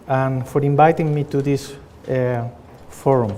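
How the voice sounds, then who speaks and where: A man's voice: medium pitch, steady tone, a little slow, dark tone, slight background noise. Chilean-accented man lecturing in a hall. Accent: Chilean Spanish. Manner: earnest, with frequent fillers and restarts. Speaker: pathologist presenting research. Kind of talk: conference presentation. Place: conference hall. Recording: reverberant conference hall.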